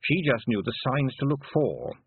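A man voicing a talking toad, speaking slowly and matter-of-factly. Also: mid-range voice, sing-song, breathy edge, voice pushed up. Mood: dry. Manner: slow, matter-of-fact. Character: calm, dry talking toad. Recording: tinny phone-like sound.

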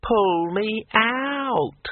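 Give me a pushy, self-important talking sword with a slow, lilting, ringing voice, dry and thin like an old radio broadcast. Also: male voice, animated, dry recording, full character voice. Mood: pushy, breezy. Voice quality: high, ringing voice. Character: chatty, bossy talking magic sword. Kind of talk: audiobook character voice. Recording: tinny dry radio recording.

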